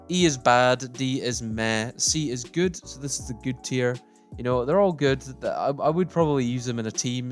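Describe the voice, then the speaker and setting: Opinionated man ranking game characters. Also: medium pitch. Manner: opinionated, thinking aloud while sorting. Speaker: gaming YouTuber. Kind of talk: casual tier-list commentary.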